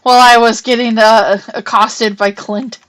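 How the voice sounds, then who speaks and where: A woman's voice: on the high side, fairly even intonation, unhurried, a bit bright. Chatty young woman narrating her gameplay. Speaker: streamer playing a farming game. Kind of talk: casual live-stream chat.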